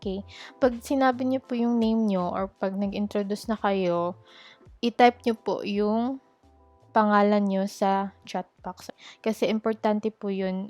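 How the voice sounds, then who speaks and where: A woman's voice: medium pitch, warm tone, no echo. A woman with a Filipino accent, an English tutor walking learners through a teaching demo step by step, politely switching between Tagalog and English. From Philippines. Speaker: online English tutor giving advice. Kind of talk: explanatory tutorial walkthrough.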